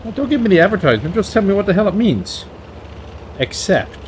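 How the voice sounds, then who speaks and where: Here the streamer's voice is high, sing-song and brisk as he casually narrates his video game play. Despite the lilt, his manner stays dry and wry, half to himself, while tank engines and battle noise from the game sound clearly underneath.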